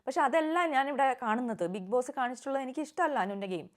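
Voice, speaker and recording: Rapid-talking opinionated woman. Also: high voice, lively intonation. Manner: rapid, opinionated, mixes in English words. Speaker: reality show reviewer. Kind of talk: casual vlog commentary.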